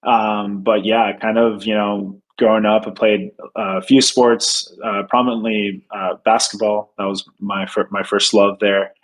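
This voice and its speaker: A man's voice: on the low side, flat delivery, a little slow, hardly any pauses, poor audio. A man in his twenties from Venezuela, a podcast guest who talks casually and hesitantly, with many fillers. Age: 20s. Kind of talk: casual interview.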